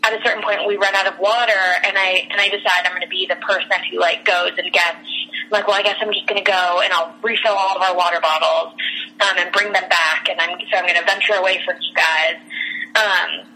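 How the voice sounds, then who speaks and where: A woman's voice: lowish voice, fairly even intonation, fairly quick, pushed and bright, poor audio. A young woman casually telling a long personal story, rambling with lots of fillers and restarts and laughing as she goes. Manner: laughs through her story.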